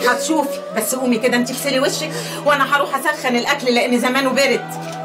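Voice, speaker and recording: A woman's voice: high voice, steady tone, fast, close to an everyday voice. Actress as a fussing Egyptian mother. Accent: Egyptian Arabic. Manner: coaxing, motherly scolding. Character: caring Egyptian working-class mother, coaxing and fussing. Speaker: mother in a poor neighborhood family. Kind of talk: TV drama acting. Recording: TV soundtrack with music underneath.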